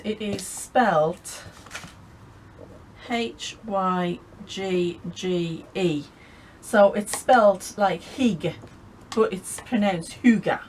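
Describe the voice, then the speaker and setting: A woman's voice: medium pitch, a little hiss or hum, rough recording. Chatty woman crafting at home. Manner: chatty, rambling, laughs often. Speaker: craft vlogger. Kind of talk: casual crafting chat.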